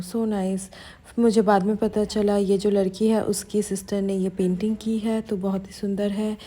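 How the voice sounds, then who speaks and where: Mellow-voiced woman narrating a vlog. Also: medium pitch. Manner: code-switches between Hindi and English. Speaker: vlogger.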